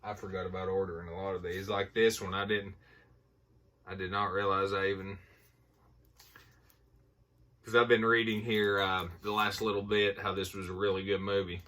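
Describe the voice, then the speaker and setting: Middle-aged man, deep voice, Appalachian hillbilly accent, informal vlog rambler, recorded at a distance from the mic. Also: level tone, moderate pace, pauses often, pushed and bright. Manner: folksy, informal. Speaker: movie collector showing a haul. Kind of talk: casual rambling haul vlog.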